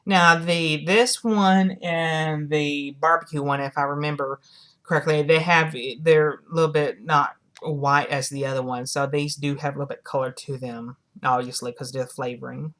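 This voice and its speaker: In a low, slightly bright voice with fairly even intonation, a woman reviews a product informally for her viewers. Her delivery is choppy as she repeats and rewords phrases.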